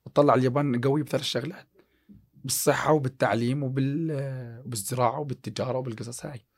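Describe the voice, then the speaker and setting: A man with a medium-pitched voice speaks at a quick pace in a steady tone. On a casual podcast he appears as a guest, a chemistry teacher talking about success and faith and restarting often while quoting scripture.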